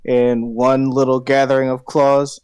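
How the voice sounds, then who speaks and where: A man chatting casually as a tabletop game player, thinking aloud haltingly and swearing freely. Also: medium pitch, level tone, a little mellow, clear, resonant tone, no echo.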